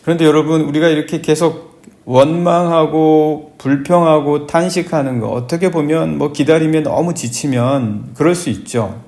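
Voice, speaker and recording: A man, a pastor, giving an early morning prayer sermon in a calm, conversational way, often affirming himself with a soft "yes". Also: on the high side, normal speed. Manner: reads scripture aloud and acts out plaintive prayers.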